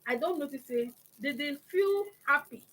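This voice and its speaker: A woman's voice: high voice, animated, moderate pace, fairly bright tone. A woman with a Nigerian accent hosting a conversational talk, acting out examples as she explains. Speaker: talk show host.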